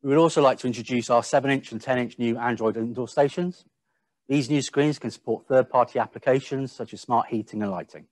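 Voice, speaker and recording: The speaker is a man doing a product presentation in webinar fashion, slightly halting, with the odd repeated word. His voice sits in the mid-range and the audio has no echo.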